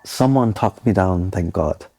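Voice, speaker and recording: A middle-aged man telling his own life story in a reflective, halting way, with restarts. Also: low voice, dark tone. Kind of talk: personal storytelling.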